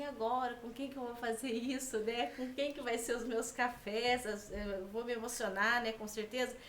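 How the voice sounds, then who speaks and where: A woman's voice: a little high, a bit bright, reverberant, a little hiss or hum. A Brazilian woman guest telling a heartfelt personal story in conversation, often ending phrases with tag questions. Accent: Brazilian Portuguese. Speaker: podcast guest.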